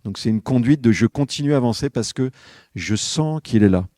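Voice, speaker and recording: A man's voice: mid-range voice, expressive, a little fast, dark tone, no echo, clean studio sound. A man giving a reflective spoken homily for a podcast, talking with listeners directly in a conversational way. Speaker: podcast speaker on spiritual life.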